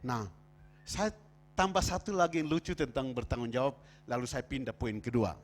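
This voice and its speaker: A man preaching a sermon in church, moving from quiet storytelling to loud, shouted preaching. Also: medium pitch, moderate pace. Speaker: pastor. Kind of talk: sermon with personal stories.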